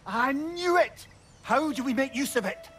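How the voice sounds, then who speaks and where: A man voicing an excitable, blustering old sage in video game dialogue. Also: on the high side, normal speed, slight background noise. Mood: eager.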